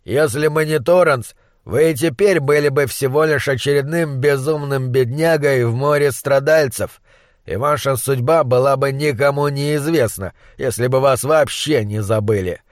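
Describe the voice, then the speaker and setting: A man's voice: mid-range voice, moderate pace, no room sound, clean studio sound, close to an everyday voice. A man voicing a pompous, prickly English doctor who talks haughtily. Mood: haughty.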